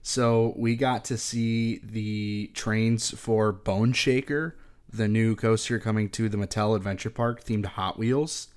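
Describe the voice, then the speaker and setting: A man co-hosting a podcast, calmly explaining things in casual chat. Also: fairly low pitch, slow, smooth. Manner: relaxed, explains with comparisons. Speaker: podcast co-host.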